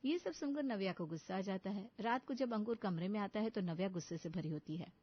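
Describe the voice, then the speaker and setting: A woman giving scripted narration of a children's story in an even storytelling voice. The sound is dull and lo-fi. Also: medium pitch, fairly quick.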